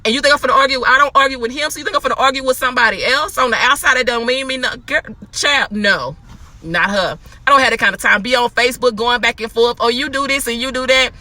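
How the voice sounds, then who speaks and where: Bright-voiced chatty woman giving advice. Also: on the high side, quick pace. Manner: chatty, animated, laughs often, acts out quotes. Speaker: host. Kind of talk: casual spoken advice.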